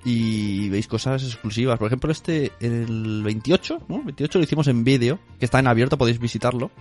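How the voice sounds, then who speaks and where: A man co-hosting a podcast in casual banter, jokey and quick at reading out lists. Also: medium pitch, darkish tone, faint music behind. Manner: jokey, rapid list-reading, bursts of laughter. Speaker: podcast co-host.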